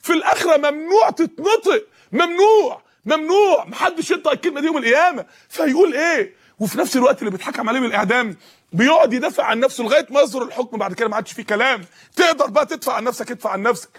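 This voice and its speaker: A man's voice: extremely high pitch, rapid-fire, fairly bright tone, breathy edge. A man preaching a sermon with an Egyptian Arabic accent, impassioned and full of rhetorical questions.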